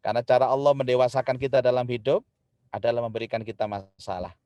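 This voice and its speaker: A man giving a lively Islamic sermon to an audience, swinging from loud emphatic lines to quiet ones and addressing the listeners directly. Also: mid-range voice, fast talker, no room sound, lo-fi sound. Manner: lively, rising loud when building a point, then dropping soft; addresses the audience directly, acts out spouses' quarrels. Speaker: preacher.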